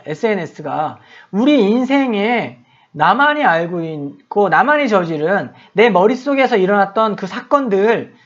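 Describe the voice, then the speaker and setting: A middle-aged man preaching a sermon as a pastor and missionary, telling a story in a conversational, self-deprecating way. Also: high-pitched. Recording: dull lo-fi sound.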